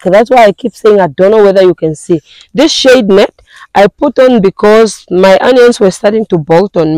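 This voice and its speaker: Hoarse woman on a garden tour. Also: medium pitch, a little mellow, no room sound, rough recording. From Namibia. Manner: chatty, hesitant, with many fillers and restarts. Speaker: gardening vlogger. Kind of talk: casual garden tour talk to viewers. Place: outdoors in a backyard garden.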